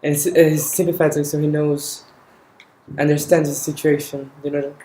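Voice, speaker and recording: A woman's voice: low-pitched, level tone, moderate pace, warm tone. A woman student explaining a character idea, hesitant and thinking aloud. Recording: echoey room with faint noise.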